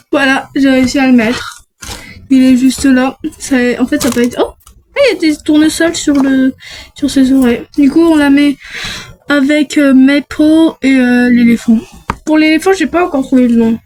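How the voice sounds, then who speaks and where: A woman's voice: high-pitched, darkish tone, poor audio. A young woman chatting casually to viewers while unboxing mystery boxes, talking to herself and restarting her sentences often. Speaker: unboxing vlogger.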